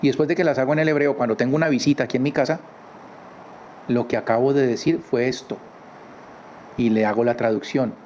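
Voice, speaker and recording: A man's voice: mid-range voice, steady tone, fairly quick, pauses often, darkish tone. Man giving a chatty religious lesson. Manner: conversational, with rhetorical tag questions. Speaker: Torah teacher. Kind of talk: informal religious teaching. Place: his home. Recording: slightly dull recording with faint background noise.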